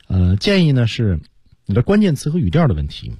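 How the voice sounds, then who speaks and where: Guy teacher explaining pronunciation on a radio lesson, low mellow husky voice, dry close sound. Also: wildly swooping pitch, dry recording. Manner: measured, explanatory with many fillers.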